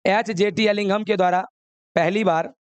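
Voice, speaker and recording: A man's voice: sits high, fairly even intonation, normal speed, smooth, dry recording. A man teaching a chemistry class, coaxing and scolding students while mixing with English. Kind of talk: classroom lesson.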